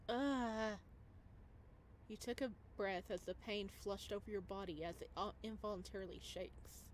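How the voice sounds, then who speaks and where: Poor audio and slight background noise accompany a woman's mid-range voice as she hosts a gaming video. Over music, she gushes and exclaims in playful cutesy slang, delivering excited let's play commentary and reading the game text aloud.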